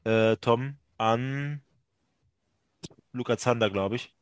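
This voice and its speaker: A man's voice: mid-range voice, takes it slowly, clean tone, no echo, studio quality. A man hosting a football podcast, casually talking through a match and thinking aloud as he goes. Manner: analytical, thinks aloud with restarts.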